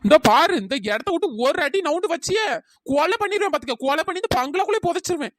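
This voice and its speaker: A voice actor voicing a fierce little village girl in a cartoon story, bossy and defiant, with a pitch-raised voice. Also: expressive, fast, no room sound, clean studio sound. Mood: threatening. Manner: defiant, bossy shouting at a bungalow.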